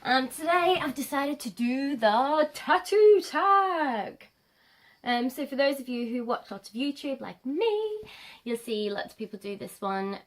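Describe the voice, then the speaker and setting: Late-20s woman vlogging, kinda stuffy nasal from being sick, slightly high voice, lots of ums. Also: expressive. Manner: rambling, many ums and pauses. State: nasal from a cold. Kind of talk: casual chat to camera.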